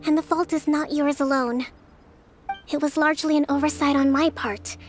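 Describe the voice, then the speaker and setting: A woman playing a composed young female military leader in a video game, stern yet compassionate, speaking in a measured, formal way. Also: sits high, fairly even intonation, faint music behind, close to an everyday voice. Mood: gentle, regretful. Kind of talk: scripted video game voice acting.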